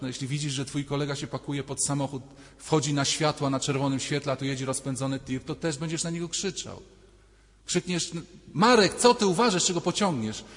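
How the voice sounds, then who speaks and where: Man preaching in a reverberant church. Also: on the high side. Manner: conversational, acting out quoted voices. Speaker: priest. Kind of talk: sermon.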